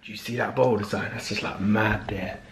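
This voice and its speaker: A man's voice: fairly low pitch, steady tone, a little fast, gravelly, background noise. A young man from England hosting a casual vlog at home, teasing and jokey as he talks to a handheld camera. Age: young adult. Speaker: vlogger host. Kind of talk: casual chat. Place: apartment living room indoors.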